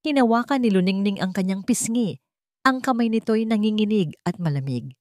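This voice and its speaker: With a Filipino accent, a woman narrates a dramatic audiobook story from a script in an animated, mid-range voice that's a little mellow. She speaks at normal speed, and the dry recording has clean studio sound.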